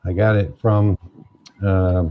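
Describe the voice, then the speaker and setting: A man's voice: deep voice, flat delivery, takes it slowly, phone-quality sound. A man from Louisiana hosting a casual livestream, chatting easily while running a prize drawing on a wireless mic. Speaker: livestream host.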